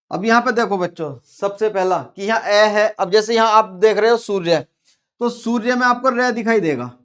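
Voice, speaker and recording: A man teaching a grammar lesson to pupils, slow and repetitive, drawing out sounds and asking his class questions. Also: high voice, fairly bright tone, clear, resonant tone.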